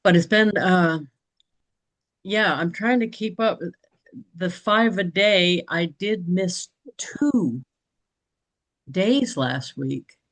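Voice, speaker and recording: A woman in a business training group chats casually, rambling, restarting often, and laughing lightly. Her lowish voice is expressive and slow, with long pauses, and the recording is rough.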